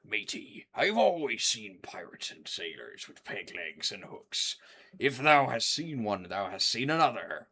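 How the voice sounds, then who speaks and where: A gruff old fisherman of a video game, acted out by a man. He is a salty seafarer who drawls slowly and projects his words like a wary witness. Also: fairly low pitch, sing-song, bright, forceful tone, exaggerated voice. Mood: gruff, suspicious.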